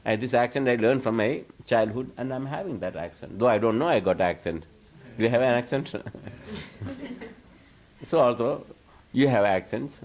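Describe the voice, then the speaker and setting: An animated man with a medium-pitched, darkish voice talks at normal speed. As a spiritual teacher answering audience questions at a live, informal lecture, he rambles, keeps restarting his sentences, and chuckles while talking.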